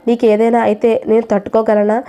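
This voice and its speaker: A woman's voice: a little high, little pitch movement, brisk, dark tone, lightly acted. A woman voicing an angry, grieving middle-aged mother who scolds her son. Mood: reproachful. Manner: scolding, reproachful.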